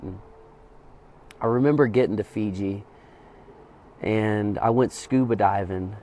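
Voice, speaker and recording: A man speaking to an audience, telling a personal story and then urging listeners on, swinging between hushed and emphatic. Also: medium pitch. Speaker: motivational speaker. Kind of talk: inspirational talk to an audience.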